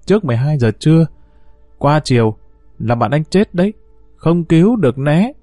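A man's voice: on the high side, big pitch swings, normal speed, mellow, no room sound, clean studio sound, soft background music, pitched above the performer's own voice. A man voicing a firm, grave young female village teacher who gives urgent, insistent warnings.

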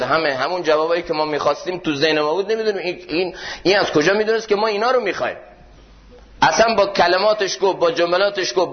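A man giving a sermon in a mosque, telling stories and slowing down to stress key points with questions. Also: high voice. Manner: storytelling, slows down for emphasis and poses questions. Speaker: preacher. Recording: dull lo-fi recording.

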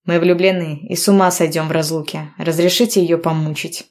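A woman's voice: sits low, fairly even intonation, fairly quick, darkish tone. A woman voicing a cocky, teasing young man who banters with his lover in mock-stern tones in an audiobook story. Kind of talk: audiobook dialogue reading.

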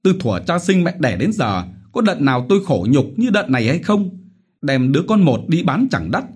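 Desperate poor widow, wailing, pleading, raised pitch, husky, played by a man, audiobook. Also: very animated, moderate pace, a little mellow.

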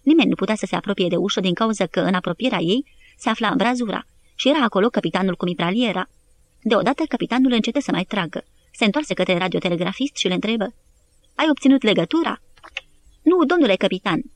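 Woman narrating a war audiobook, steady measured reading, mid pitch. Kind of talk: scripted narration.

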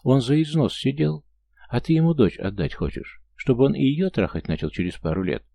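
A man voicing a crude, suspicious male police detective who talks slowly and bluntly in an audiobook. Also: deep voice, sing-song, warm tone, no echo, heavily acted. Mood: contemptuous. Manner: slow, blunt, rough.

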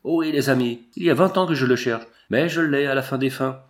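A man voicing a ragged, drunken gold miner who shouts boasts of his strike. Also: mid-range voice, fairly quick, close to an everyday voice. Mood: drunken boasting.

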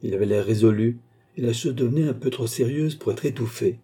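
A man reading a novel aloud in measured audiobook narration. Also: medium pitch, dark tone, husky. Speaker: reader.

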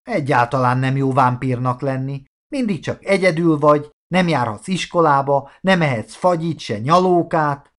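A shy young vampire boy, voiced by a male narrator talks hesitantly, as if apologizing. His voice sits a little higher than the reader's own and moves in a lively sing-song, a storybook voice. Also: hardly any pauses, natural voice. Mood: gloomy. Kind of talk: storybook character voice.

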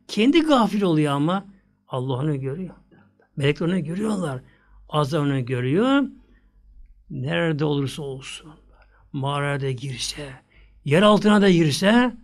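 A male preacher giving a religious sermon, reciting verses slowly and repeating his points insistently, swinging between raised lines and near-whispers. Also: a little high. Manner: recites Arabic verses slowly, then explains them; repetitive, insistent preaching cadence.

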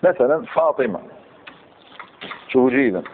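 Lively man teaching grammar, phone-like sound. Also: medium pitch, normal speed, slight background noise. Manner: questions students, repeats examples. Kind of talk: classroom lecture. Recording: tinny phone-like recording.

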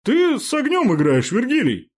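A pompous, threatening rich young man pitched up high and loud, as a man narrator puts him on, husky at the edges and swinging his voice wildly between sneers and barked demands in an audiobook. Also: huge pitch swings, normal speed, exaggerated voice. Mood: furious threats. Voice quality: pompous, hissing menace. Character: arrogant rich young male game player, threatening.

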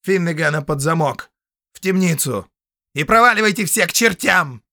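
A shrieking spoiled young count. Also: male voice, sits high, sing-song, slow pace, vocal fry, pushed and bright, dry recording, studio quality, voice pushed up, full character voice. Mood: grumbling. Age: young adult. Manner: shrieking, ranting. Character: spoiled young count, hot-tempered and shrill.

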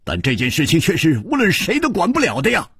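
A man's voice: a little high, wildly swooping pitch, fast talker, a bit bright, slightly rough, no echo, clean studio sound, pitched above the performer's own voice, heavily acted. A male storyteller voicing a cold, proud male swordsman who speaks agitatedly and stammers in a radio story.

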